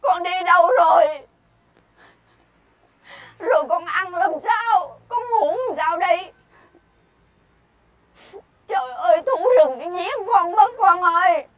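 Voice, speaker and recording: A woman's voice: very high-pitched, animated, slow pace, pauses often, full character voice. An actress with a Southern Vietnamese accent playing a distraught mother who cries and wails for her lost son. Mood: wailing. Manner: wailing, sobbing calls. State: crying. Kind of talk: TV fairy-tale drama acting.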